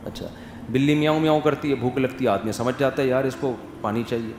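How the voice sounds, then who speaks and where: A man giving an Islamic sermon, swinging from emphatic questions to soft, quiet asides. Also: mid-range voice, a little hiss or hum. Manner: animated, rises to emphatic questions, drops to soft quotes. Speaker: Islamic scholar giving a talk. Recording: echoey hall with faint ambience.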